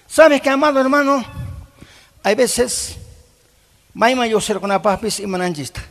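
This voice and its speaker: A man's voice: very high-pitched, animated, measured pace. A middle-aged man preaching a sermon to a congregation, emphatic and often putting questions to his listeners, mixing in Quechua words. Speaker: pastor. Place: church congregation hall. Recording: long hall reverb.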